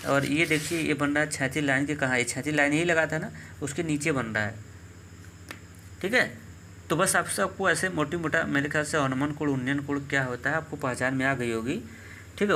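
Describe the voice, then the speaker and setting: Man, math teacher, bright forceful voice, slightly high, step-by-step explaining, repeats key terms, quick check-in questions. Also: slight background noise. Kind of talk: classroom lesson explaining geometry.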